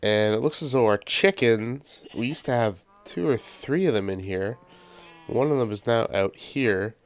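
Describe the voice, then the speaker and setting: A let's play host rambles casually through his gameplay commentary, his nose stuffy from a sinus cold and his speech full of ums and uhs. His voice is medium-pitched and his pace a little slow.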